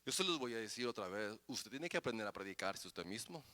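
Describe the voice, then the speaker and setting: A man preaching a sermon as pastor, fervent and emphatic, repeating words in bursts and swinging between loud declarations and quiet asides. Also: fairly low pitch, expressive, brisk.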